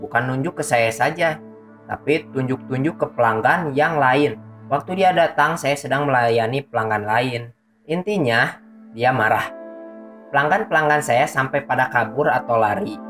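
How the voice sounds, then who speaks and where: A man's voice: mid-range voice, normal speed, a bit bright. A young man with a Sundanese accent, a computer repair shop owner, earnestly recounting a personal story in a polite, slightly exasperated way. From Sundanese region of West Java. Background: faint guitar music.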